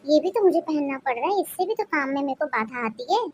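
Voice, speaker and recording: A proud young daughter-in-law in an animated story, high and sharp-tongued. She answers with sulky little taunts. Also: fast, slight background noise. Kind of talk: cartoon story voice acting.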